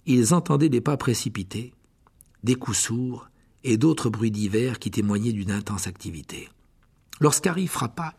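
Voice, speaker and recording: Man, audiobook narrator, husky, lively pitch, expressive.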